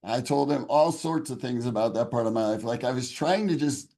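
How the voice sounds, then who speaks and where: Man, mid-pitched voice, earnest, emotional personal testimony, interview guest. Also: brisk, vocal fry, dark tone. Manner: earnest, raw, emotional storytelling.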